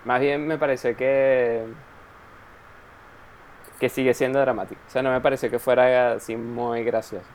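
Young man, casual co-host, animated storytelling, middle pitch. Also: moderate pace, long pauses, a little hiss or hum. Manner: animated storyteller who acts out his own reactions. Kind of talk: casual chat.

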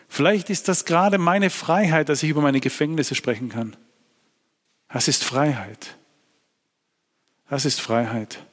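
Earnest male preacher in a reverberant hall. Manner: earnest, swings between hushed low phrases and raised emphatic ones.

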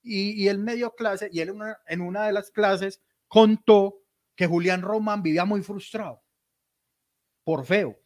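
A man's voice: high voice, unhurried. A man with a Colombian accent chatting casually as a podcast co-host, telling stories with animation and frequent laughter. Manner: animated storytelling, laughs often. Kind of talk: casual chat.

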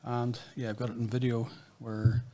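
A man's voice: medium pitch, monotone, moderate pace, mellow, a little hiss or hum. Easygoing man chatting. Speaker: podcast co-host. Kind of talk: casual chat.

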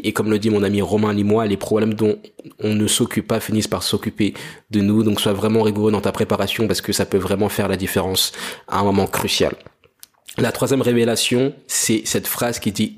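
A young French man hosting a podcast, speaking earnestly and directly to the listener in a reflective, motivational monologue. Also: lowish voice. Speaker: podcast host.

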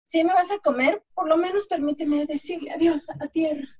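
A woman with a Mexican accent voicing a sly, quick-witted male opossum trickster in an amateur folk-tale reading, coaxing and sweet-talking. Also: very high-pitched, a little mellow. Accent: Mexican Spanish. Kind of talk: amateur read-aloud folk tale acting.

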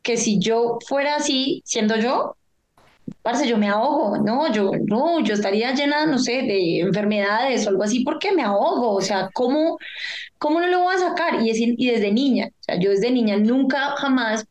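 A woman in a casual podcast conversation. Her voice sits slightly high, and she speaks in open, emotional bursts, telling personal stories with plenty of restarts. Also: moderate pace. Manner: emotional, candid, animated storytelling. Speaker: podcast co-host. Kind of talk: casual chat.

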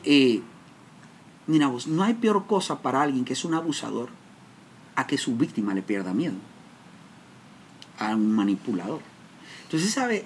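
Brief: Guatemalan man, personal storytelling talk, emotional and dramatic, stumbles and restarts, faint background hiss. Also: medium pitch. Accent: Guatemalan Spanish. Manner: emotional, self-interrupting, dramatic retelling.

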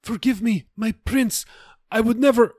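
A man's voice: very high-pitched, unhurried, darkish tone, dry recording, studio quality, voice pushed up. A man voicing a nervous underling who placates and pleads with his master. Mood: pleading. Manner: anxious, placating.

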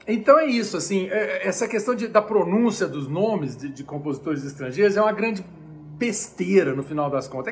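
Lively high-voiced Brazilian man teaching. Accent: Brazilian Portuguese. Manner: chatty, animated, digressive. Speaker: music teacher. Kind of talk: informal live-streamed lecture. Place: home.

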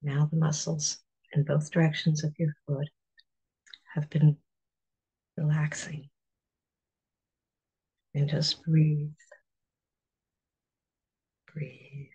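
Very breathy, slow, soothing relaxation guide. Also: medium pitch, low-quality recording. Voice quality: soft, partly whispered delivery. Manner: calm, counting slowly to five.

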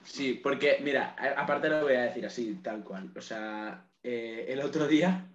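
A late-teen man talks in a loose, digressive way, cursing now and then as he wanders off topic. His voice sits at an ordinary pitch and sounds roomy and a little dull on a lo-fi recording. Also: a little slow, slight background noise. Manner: rambling, digressive, swears casually. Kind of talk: casual chat.

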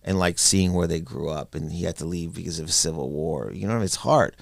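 A man in his forties from Canada, a comedian guest in a casual podcast chat, telling family stories in an animated way and acting out relatives' lines. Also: low voice, a little fast, gravelly, dry recording, clean studio sound. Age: 40s. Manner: animated storyteller who acts out family members' lines.

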